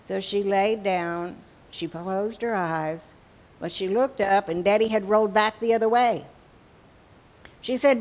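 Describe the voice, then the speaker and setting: Expressive woman telling a sermon story. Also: mid-range voice. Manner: slow, expressive storytelling with dramatic pauses.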